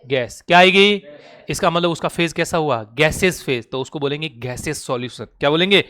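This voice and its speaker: High-voiced man drilling a class. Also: sharp tone. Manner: drills students with rapid questions; coaxing, calls students "beta". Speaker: teacher. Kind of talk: classroom lecture.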